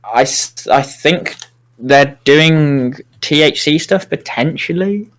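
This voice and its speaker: A young man talking as a podcast guest in a halting, rambling way, restarting often and swearing casually. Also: a little high, a bit bright. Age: young adult. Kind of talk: casual chat.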